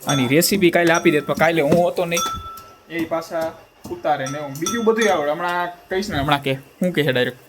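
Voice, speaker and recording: A man's voice: fairly high pitch, fairly quick. A man, chatting to camera in a casual family vlog, teasing his family. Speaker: vlogger.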